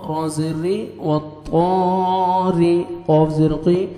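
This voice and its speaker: A man's voice: a little high, steady tone, dark tone, faint music behind. Man teaching Quran recitation in an echoey room. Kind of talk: spelling out and reciting verses with tajweed rules.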